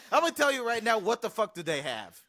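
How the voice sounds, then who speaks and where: A man's voice: high-pitched, big pitch swings, brisk, bright, forceful tone, no echo. A man talking as a guest on a podcast in loose, profane conversation, with frequent restarts and acted-out quotes. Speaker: guest, music producer.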